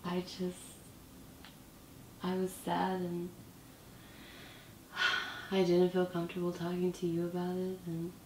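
A woman's voice: on the low side, completely flat delivery, takes it slowly, long pauses, a little hiss or hum. A young woman in an emotional, private conversation, recorded by a distant camera microphone in a bedroom. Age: young adult. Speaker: prank vlogger. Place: small bedroom, indoors. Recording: roomy echo from distant camera.

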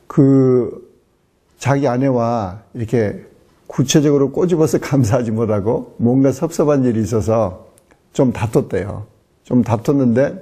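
A middle-aged man with a loud voice preaching a sermon, with many pauses and fillers. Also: medium pitch, husky. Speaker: missionary preacher.

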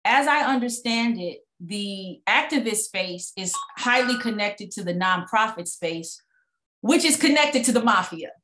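A woman giving a lively guest talk on a video call, telling stories with laughs and asides. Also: medium pitch, a little slow, reverberant. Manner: animated storytelling with laughs and asides. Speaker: guest speaker.

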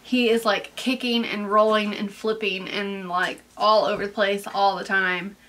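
A woman's voice: mid-range voice, steady tone, unhurried, a bit bright. A young woman, out of breath and congested from sinus allergies, rambling chattily through a casual pregnancy update vlog. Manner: chatty and rambling, full of "like" fillers. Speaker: vlogger.

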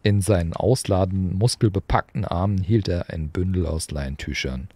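A man reading a children's audiobook aloud in an expressive storytelling manner. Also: sits low, normal speed, husky, no echo. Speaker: audiobook reader. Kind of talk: audiobook narration.

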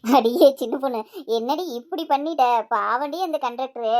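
A woman voicing several chatty village women in a cartoon, loud and bossy. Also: high-pitched, moderate pace. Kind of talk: cartoon voice acting.

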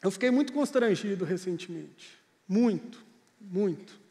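A man's voice: sits high, expressive, measured pace, warm tone, big-room sound. A male pastor preaching a sermon in an earnest, conversational storytelling manner.

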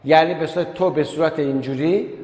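A male teacher gives an online lesson in a slightly high voice. He repeats key words and keeps turning to address his pupils directly. The recording is roomy, with a long reverb trailing each phrase. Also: a little mellow. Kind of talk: online class lecture. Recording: echoey room with long reverb.

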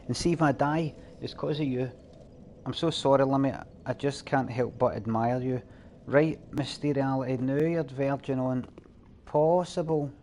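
A man livestreaming a game, answering his chat in a dry, deadpan voice that keeps slipping into mock exasperation. His talk is full of swearing. His pitch sits in the middle, and a faint hiss runs underneath. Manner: addresses chat readers directly, swears freely. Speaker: game streamer. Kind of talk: live stream chat while gaming.

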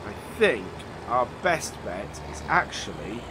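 Taking it slowly in a sing-song, mid-range voice, a man hosts a let's play of a farming game, chatting casually and thinking aloud with plenty of fillers. He sounds slightly nasal as a cold comes on, and clear game vehicle noise accompanies his voice-over.

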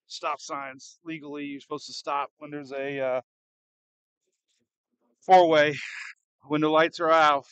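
A man with a bright, forceful voice in a close, dry-sounding recording. He talks like a storm chaser live from behind the wheel, casual and a little edgy, thinking aloud and repeatedly asking questions. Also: medium pitch, no room sound, low-quality recording. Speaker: storm chaser and livestream host. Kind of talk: casual live commentary while driving. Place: inside a moving car in a storm.

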